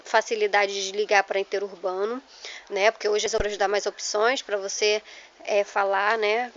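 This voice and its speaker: A woman's voice: medium pitch, lo-fi sound. A young woman with a Rio de Janeiro accent telling her life story in a casual, emotional, rambling way, full of restarts and "entendeu?". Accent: Rio de Janeiro Portuguese.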